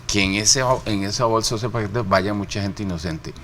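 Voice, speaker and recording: A human rights official from Costa Rica answers interview questions emphatically, packing in rhetorical questions. His fairly low voice holds a steady tone at normal speed, fairly bright, with a little hiss or hum.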